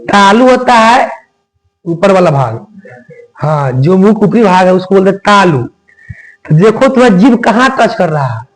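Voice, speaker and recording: A man's voice: sits high, sing-song, normal speed, faint music behind, poor audio. A man teaching a grammar lesson, sounding out letters one by one and quizzing his students with repeated questions.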